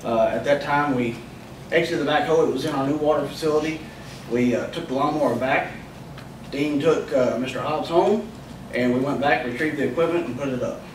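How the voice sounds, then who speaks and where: A city public works worker telling a council step by step what happened, quoting what others said. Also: male voice, fairly high pitch, brisk. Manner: plain step-by-step retelling, quotes others. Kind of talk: recounting events at a council meeting. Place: council chamber. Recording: echoey room, distant, hissy.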